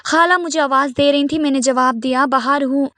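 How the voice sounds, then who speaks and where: High-voiced woman telling a story. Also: fairly even intonation, sharp tone, dry recording. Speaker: story narrator. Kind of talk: scripted story narration.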